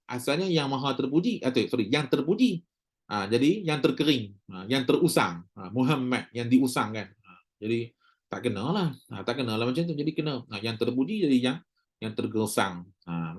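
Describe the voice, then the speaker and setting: A man's voice: medium pitch, lively intonation. Chatty Malaysian Malay man teaching recitation. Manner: chatty, joking, models sounds by drawn-out demonstration. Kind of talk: casual recorded class lecture.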